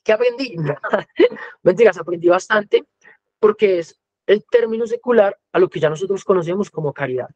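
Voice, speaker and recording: A Colombian music teacher, here as a guest speaker, gives an educational talk in a conversational lecturing style, often voicing the people he quotes. His voice sits high with lively intonation and a darkish tone, at a moderate pace. The recording is dry, with the highs cut off.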